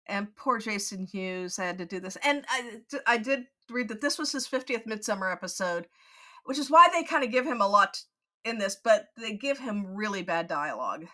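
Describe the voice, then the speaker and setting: A woman co-hosting a podcast in casual chat, agreeable and quick to laugh. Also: mid-range voice, animated, pushed and bright. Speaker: podcast co-host.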